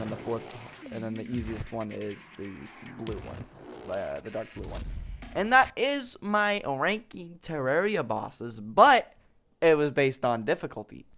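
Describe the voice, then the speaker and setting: A young man casually ranking game bosses at home, rambling with lots of fillers and restarts, a bit out of breath. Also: mid-range voice. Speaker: gaming youtuber.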